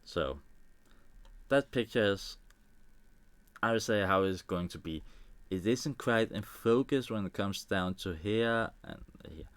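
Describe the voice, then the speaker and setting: On a live stream, a native Danish speaker with a Danish accent talks through editing a photo in hesitant English peppered with minor grammatical errors. His fairly low voice is expressive, a bit bright, clear and resonant, recorded dry on a desk microphone.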